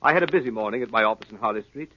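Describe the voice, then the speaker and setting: An actor playing a busy gentleman doctor, formal, brisk and slightly impatient, in 1930s radio drama style. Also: lowish voice, expressive, lightly acted. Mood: measured narration. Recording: muffled, hissy 1930s radio recording.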